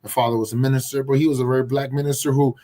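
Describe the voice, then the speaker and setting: A man's voice: mid-range voice, level tone, rapid-fire, warm tone. A man from Colombia, a guest on a video call, telling his story in a reflective, casual way with many fillers and restarts.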